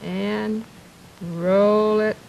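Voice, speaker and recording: A woman heard in an old 1950s TV broadcast, with a faint hiss under her voice. She hosts a children's show, talking slowly and gently and coaxing young viewers with one question after another. Her pitch sits in an ordinary middle range. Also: little pitch movement, gravelly, rough recording. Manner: slow, coaxing, asks many questions of the viewer. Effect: 1950s TV broadcast sound. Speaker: children's TV host.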